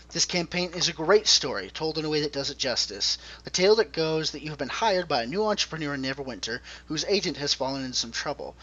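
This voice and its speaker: Guy talking on a conference call, kinda high bright voice, muffled lo-fi line, chats on and on. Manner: chatty, explains at length. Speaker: podcast host. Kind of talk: casual gaming chat. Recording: dull lo-fi call audio.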